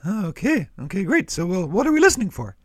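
A man voicing a friendly, curious male cow who talks in an excitable, gushing way. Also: high voice, quick pace, dry recording, studio quality, voice pushed up. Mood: chatty. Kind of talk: puppet-style kids' Bible show banter.

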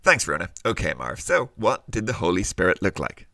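A man's voice: low voice, very animated, a little fast, creaky, sharp tone, no room sound, studio quality. A man presenting a children's podcast like a kids show host, speaking directly to young listeners in a scripted but conversational way.

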